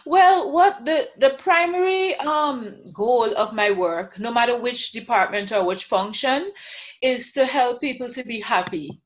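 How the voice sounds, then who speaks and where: A woman's voice: fairly high pitch, measured pace, lo-fi sound. A woman from Guyana, a counsellor, talking earnestly and reflectively as an interview guest.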